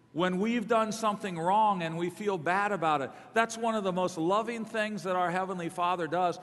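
Middle-aged male preacher in a reverberant hall. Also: high-pitched. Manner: self-deprecating humor, lively swings in volume. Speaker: guest preacher. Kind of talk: sermon with personal storytelling. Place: large church worship hall. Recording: long reverb of a large hall.

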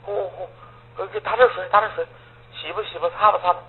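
A woman's voice: mid-range voice, fairly even intonation, fast talker, voice pushed up, lightly acted. A man voicing a bustling, kindly old woman who fusses and repeats herself. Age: older. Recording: tinny phone-like audio, faint hiss.

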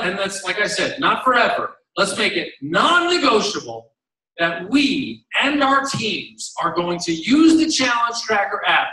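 A middle-aged company executive with a high-pitched, bright, forceful voice gives an emphatic motivational speech to coaches from the stage of a large hall. He repeats his slogan and acts out the voices in his stories. The hall is echoey and he sounds far from the mic.

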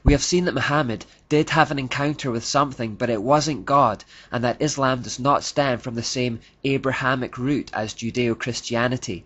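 Man, scripted narration, critical, reads quotes, medium pitch, slightly dull recording. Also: steady tone, moderate pace, hardly any pauses, a bit bright.

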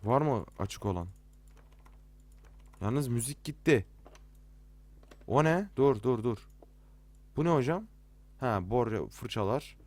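A man's voice: mid-range voice, lively intonation, takes it slowly, long pauses, a little mellow. Jumpy young man narrating a horror game. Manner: jumpy, nervous joking, swearing at the game. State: scared, jittery. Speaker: let's play gamer.

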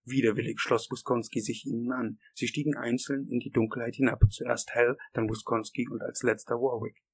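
A man reading a horror story aloud as scripted narration, in a measured, steady way. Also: medium pitch, slightly rough, poor audio. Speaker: audiobook reader.

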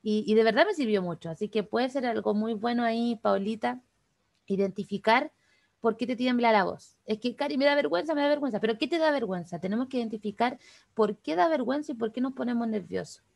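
Fast-talking Chilean woman teaching online. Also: on the high side, lively intonation, gravelly, a little mellow, no room sound. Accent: Chilean Spanish. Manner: fast, chatty, addresses participants directly. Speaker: workshop instructor. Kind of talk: online class talk. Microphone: video call.

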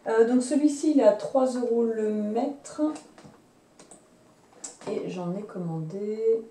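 A woman in her thirties chatting casually about fabric she bought, pausing often with fillers and restarts. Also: a little high, mellow, distant mic, slight background noise. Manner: hesitant, many fillers and restarts. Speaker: sewing vlogger. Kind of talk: casual chat showing fabric purchases. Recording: roomy sound, away from the mic.

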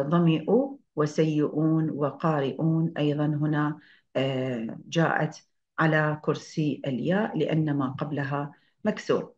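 A woman's voice: low-pitched, a little mellow, highs cut off. A woman lecturer explaining spelling rules, reading out example words one by one, with frequent hesitation sounds and self-corrections. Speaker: university lecturer. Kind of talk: online grammar lecture.

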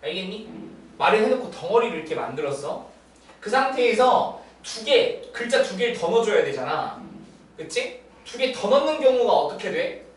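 A woman's voice: medium pitch, very animated, moderate pace. A young woman tutors math one-on-one, her voice swinging up and down animatedly as she checks in with the student after every step. She sounds set back from the mic in a very echoey room. A faint hiss runs underneath. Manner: checks understanding with constant tag questions. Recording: roomy distant mic with faint noise.

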